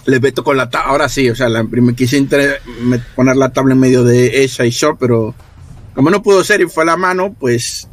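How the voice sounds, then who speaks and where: A man's voice: medium pitch, normal speed. Man, tabletop player, mid voice, rambling delivery. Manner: rambling, with restarts. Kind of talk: casual tabletop play.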